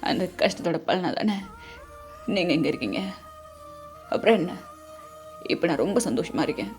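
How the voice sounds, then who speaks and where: A woman voicing a gentle, loving father who talks softly and soothingly, with faint music underneath. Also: high voice, animated, normal speed, pitched below the performer's own voice. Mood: tender soothing. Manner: soothing, hushed.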